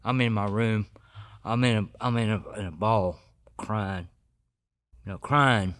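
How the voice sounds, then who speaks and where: A man giving his personal recovery testimony as a podcast guest, earnest and halting with many restarts. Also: on the low side, fairly bright tone.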